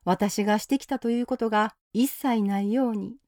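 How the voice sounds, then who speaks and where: A woman's voice: fairly high pitch, normal speed, mellow, dry recording, studio quality, close to an everyday voice. A woman voicing a stern but caring older church minister who speaks firmly in Kansai dialect. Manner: firm, blunt Kansai-dialect speech.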